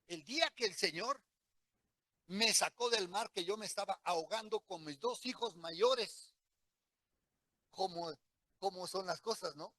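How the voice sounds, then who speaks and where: Middle-aged preacher guy, really high voice, tells his story like he's living it, super dry sound. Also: a little slow, long pauses, bright, forceful tone, no room sound. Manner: vivid storytelling, acts out what people said. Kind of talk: sermon with personal testimony.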